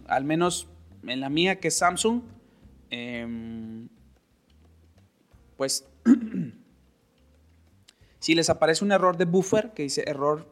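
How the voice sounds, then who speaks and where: Northern Mexican (Monterrey) male podcast host, opinionated, chatty, laughs often, slightly high voice, faint music bed. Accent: Monterrey Mexican Spanish. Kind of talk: casual solo podcast monologue.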